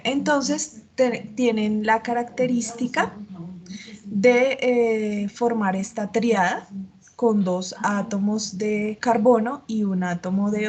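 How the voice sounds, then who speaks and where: Her voice a little high and darkish in tone, a woman chemistry tutor patiently explains in an online class while battling a slight cough and sore throat. She uses frequent filler sounds, and her audio comes from a computer mic on a video call.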